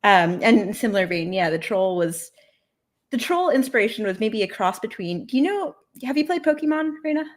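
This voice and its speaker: A woman's voice: mid-range voice, animated, brisk. A woman author chatting casually in a livestream interview, rambling with lots of "like" and playful self-deprecating asides. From United States. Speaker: author guest.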